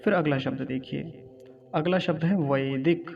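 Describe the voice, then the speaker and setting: A man's voice: a little high, a little slow, gravelly, dull audio. A man teaching the correct pronunciation of Sanskrit verses, drawing out each syllable and asking his class questions as he goes. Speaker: Vedic recitation teacher. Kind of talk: pronunciation lesson.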